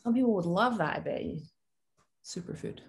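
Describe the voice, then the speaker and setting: A woman's voice: on the low side, animated, a little fast, gravelly, darkish tone. A woman co-hosting a casual chat, thinking aloud with hesitant fillers and restarts. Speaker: co-host from the bakery.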